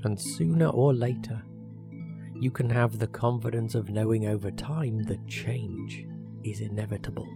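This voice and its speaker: A man leading a guided hypnosis meditation as a relaxation therapist, speaking in a soothing, measured way with short phrases and pauses. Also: mid-range voice, gravelly. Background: meditation music.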